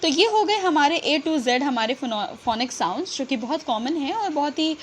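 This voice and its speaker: A woman's voice: high voice, animated, normal speed, slight background noise. A woman with an Indian accent teaching English pronunciation, mixing Hindi and English and answering her own questions. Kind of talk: pronunciation lesson.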